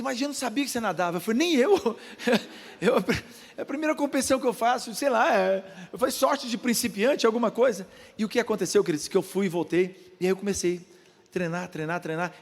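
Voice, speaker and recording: A man's voice: sits high, long reverb tail. An older man with a Brazilian Portuguese accent, a pastor preaching a sermon and telling a story, acting out the voices of the people in it. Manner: storytelling, acts out the voices of others in his anecdotes. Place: church.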